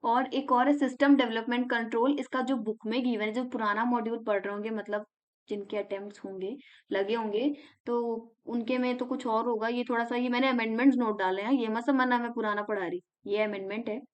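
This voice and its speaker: Young woman, tutor, casual revision lesson, mnemonic by mnemonic, Indian English terms, slightly high voice. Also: fairly even intonation, brisk, highs cut off. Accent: Indian English words mixed into Hindi. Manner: chatty, explains mnemonics step by step.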